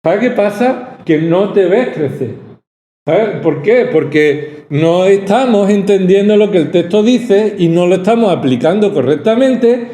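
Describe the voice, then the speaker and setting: A man's voice: high-pitched, animated, measured pace, mellow, echoey room. A male pastor from preaching a sermon, pressing his points with rhetorical questions and repetition. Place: church hall.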